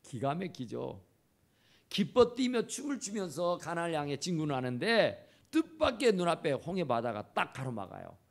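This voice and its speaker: A man's voice: on the high side, big pitch swings, moderate pace, creaky. A man preaching a sermon as pastor in a church, impassioned and repeating his phrases for emphasis. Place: church sanctuary. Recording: church camera recording.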